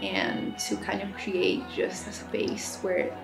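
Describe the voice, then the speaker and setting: A young woman from Chile talks in an earnest, reflective way, now and then searching for the right word. Her voice rings in a roomy, echoing space while guitar music plays clearly underneath. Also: medium pitch, big pitch swings, slow pace. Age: 20s. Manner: earnest, thoughtful, searching for words. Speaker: student interviewee. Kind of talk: personal reflective talk. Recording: echoey room with guitar music.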